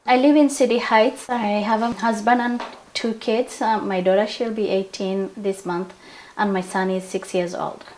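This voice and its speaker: A woman's voice: mid-range voice, steady tone, darkish tone, slight background noise. Hesitant woman from Somalia. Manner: hesitant, halting speech with fillers. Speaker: community resident. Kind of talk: interview.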